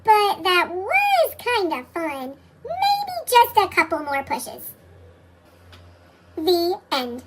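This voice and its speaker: A woman reading a children's picture book as a mischievous, excitable little cartoon character, in a squeaky voice pitched up with a chipmunk effect and an animated delivery. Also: drawn-out words, slight background noise. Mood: playful. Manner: animated, theatrical delivery with exclamations. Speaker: storybook reader.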